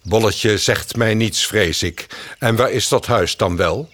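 A man's voice: fairly low pitch, measured pace, fairly bright tone. A man voicing a solemn, fussy old-fashioned owl in a children's storybook, speaking in a formal, pompous way.

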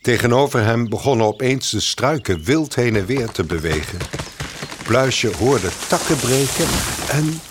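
A man narrating a children's story in an expressive, storytelling manner. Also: medium pitch, unhurried, noisy background. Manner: lively, expressive. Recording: music bed under the voice.

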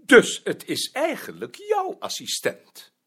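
A man's voice: very high-pitched, huge pitch swings, slow, husky, exaggerated voice. An actor playing a prim male office director who talks hesitantly, stammering now and then. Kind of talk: drama acting.

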